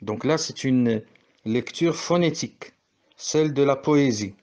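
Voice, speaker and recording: Slow, methodical male French teacher. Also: mid-range voice, a little mellow. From Morocco. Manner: slow, explains step by step, corrects himself. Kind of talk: classroom lesson on poetry.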